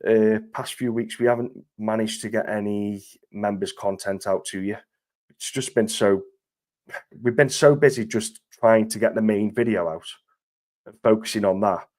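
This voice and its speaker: A man's voice: on the low side, normal speed, darkish tone. A man hosting a casual live-stream chat, his voice groggy from illness, chatty and matey with frequent laughs.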